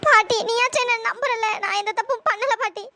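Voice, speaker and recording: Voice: very high-pitched, a little fast, pushed and bright, slight background noise, exaggerated voice. A performer voicing a heartbroken young wife in a cartoon story, crying and pleading to be believed. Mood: despairing. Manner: sobbing, pleading.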